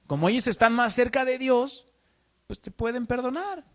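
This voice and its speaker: A man's voice: very high-pitched, moderate pace, a bit bright. A man preaching a teaching sermon in an earnest, explanatory way, asking the congregation questions. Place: church.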